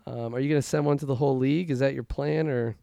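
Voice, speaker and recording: A man with a relaxed, gravelly voice hosts casual banter, close and dry in sound. He speaks hesitantly, with a wry, teasing edge as he puts questions to his guests. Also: medium pitch, fast talker, no echo. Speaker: host of a fantasy football league podcast.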